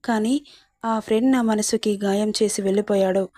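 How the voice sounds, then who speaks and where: A woman's voice: mid-range voice, steady tone, a little fast, mellow, lightly acted. A woman voicing a shy hurt young bride. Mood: hurt pleading.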